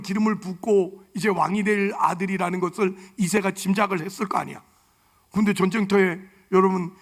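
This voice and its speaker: A male pastor preaching a sermon in a church sanctuary, telling stories with animated delivery and joking with the congregation. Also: high voice.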